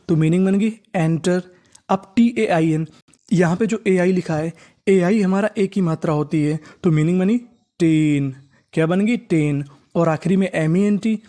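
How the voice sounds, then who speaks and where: A teacher giving a step-by-step phonics lesson, spelling out letters slowly and quizzing with their own questions before answering them. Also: mid-range voice, mellow. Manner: slow, repetitive spelling out of letters. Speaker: English reading teacher.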